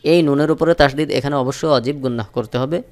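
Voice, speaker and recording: A man teaching Quran recitation, spelling out each letter slowly and then chanting the verses in long drawn-out tones. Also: mid-range voice, a little mellow.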